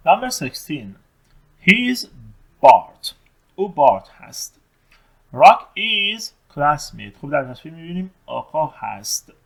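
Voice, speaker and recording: A man, speaking in a somewhat high voice, teaches an English lesson. He reads each test sentence slowly, then translates it and explains the grammar point. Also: sing-song, gravelly, rough recording.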